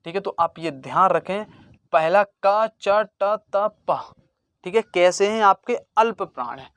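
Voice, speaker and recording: Exam-prep teacher, mid pitch, question-and-answer drilling, dry recording. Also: lively intonation, slow, clean tone, no echo. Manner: call-and-response, asks a question then answers it lower and softer. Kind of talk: exam-prep grammar lesson.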